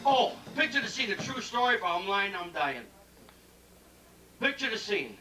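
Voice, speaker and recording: High-voiced man doing brash stand-up. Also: sing-song, bright, forceful tone. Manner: brash rapid-fire joke telling, teasing the crowd. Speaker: stand-up comedian. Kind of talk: stand-up comedy routine. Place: ship's cabaret lounge with live band. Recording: echoey lounge recording from far off with band music.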